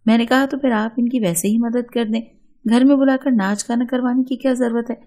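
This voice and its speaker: A woman with an Urdu accent narrates a first-person story in a steady, earnest read. Her voice sits a little high yet sounds mellow and warm rather than bright.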